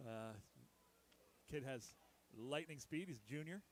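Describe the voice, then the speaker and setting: A man calling a local high school football game play by play, chatty and joking at his own expense, his voice jumping up on big plays. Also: expressive, a little slow, slight background noise. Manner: jokey, chatty, laughs at himself, rises sharply on big plays. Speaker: play-by-play announcer.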